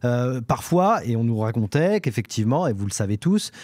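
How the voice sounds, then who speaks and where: A man's voice: mid-range voice, big pitch swings, normal speed, darkish tone, no echo, clean studio sound. A man on a football panel, telling an anecdote with many fillers, firm in his opinions. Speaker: football pundit. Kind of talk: studio debate with anecdote. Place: television studio.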